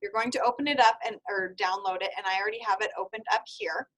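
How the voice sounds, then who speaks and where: A woman in her thirties leading an online seminar over a video call, giving brisk, friendly, step-by-step instructions. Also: mid-range voice, steady tone, a bit bright, rough recording. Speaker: university field experience coordinator. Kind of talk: online seminar presentation with screen sharing.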